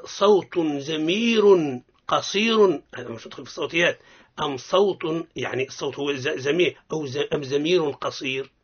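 A man with a Tunisian accent teaching Quran recitation on the radio. He explains step by step and models sounds slowly for listeners to repeat. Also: a little high, breathy edge. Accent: Tunisian Arabic. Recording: dull lo-fi radio recording.

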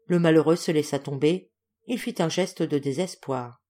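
A woman narrating a classic novel audiobook in a measured, clear storytelling manner. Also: low voice, warm tone. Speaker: audiobook reader.

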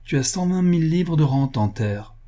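A man's voice: a little high, expressive, moderate pace, mellow, pitched above the performer's own voice, lightly acted. A man voicing an old family lawyer and guardian who talks in a blunt, scolding, fatherly way, proud of old nobility.

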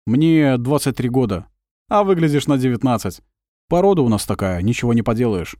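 A man voicing a young male agent in his twenties who asks plain, earnest questions at an unhurried pace. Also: medium pitch, animated, dark tone, no echo, studio quality, lightly acted. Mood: curious.

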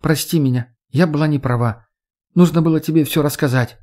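A man's voice: a little high, brisk, a little mellow, voice pushed up, lightly acted. Anfisa, a man voicing a mocking young woman. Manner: teasing, brash, swearing.

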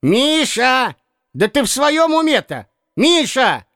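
A man's voice: extremely high pitch, sing-song, slow, fairly bright tone, dry recording, studio quality, pitched above the performer's own voice, exaggerated voice. A man reading an audiobook and voicing a fussy, blundering old man who stammers and corrects himself. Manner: stammering, self-correcting, cackling.

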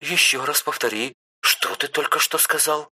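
A man voicing a chatty, pushy younger sister who teases her brother, raising his voice high for her in an audiobook. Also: moderate pace, breathy edge, exaggerated voice. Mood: teasing. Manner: chatty, excitable, teasing.

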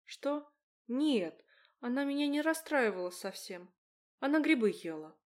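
A woman voicing a flustered, shy young woman in an audiobook, giving hurried, nervous replies. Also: sits high, lively intonation, voice pushed up.

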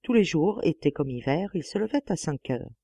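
A woman narrating a classic novel as an audiobook, with a measured, expressive reading on a close mic. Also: low-pitched, breathy edge, dry recording. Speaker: audiobook reader.

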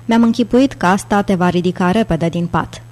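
A theatrical older gentleman who loves a dramatic flourish, speaking in a somewhat low voice with a grand, playful air, as a woman reads him in an audiobook. his manner is jovial. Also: close to an everyday voice. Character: theatrical, jovial older British male aristocrat.

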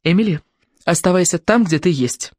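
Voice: medium pitch, animated, moderate pace, darkish tone, no echo, clean studio sound, close to an everyday voice. A reader voicing a teenage girl who gives urgent instructions over the phone.

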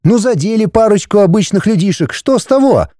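A scornful, high-handed noblewoman, put on by a man reading a story. Her voice sits high and shrill and swings widely, with a dismissive, indignant edge. The recording is dry and close. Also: lively intonation, fairly quick, warm tone, no room sound. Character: haughty scornful aristocratic wife and mother.

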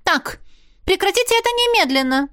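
A woman's voice: very high voice, lively intonation, moderate pace, a bit bright, pitched above the performer's own voice. A woman voicing a fussy female teacher at a magic academy, strict and scolding, in an audiobook. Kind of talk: audiobook character voice.

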